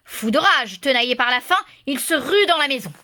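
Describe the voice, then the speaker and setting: A woman reading a children's story aloud in a lively, expressive way. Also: high-pitched, brisk.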